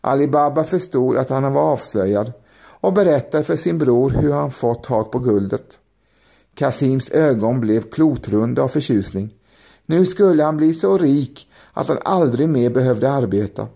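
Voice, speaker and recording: A man narrating a children's fairy tale in a gentle, playful storytelling manner. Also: mid-range voice, lively intonation, gravelly.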